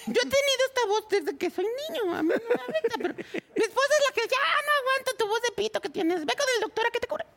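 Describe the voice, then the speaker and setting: A squeaky doll-voiced husband. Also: male voice, expressive, fast talker, bright, forceful tone, slight background noise, exaggerated voice. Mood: earnest. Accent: Mexican Spanish. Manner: pleading, whiny falsetto. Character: shy grown man with a squeaky doll-like voice.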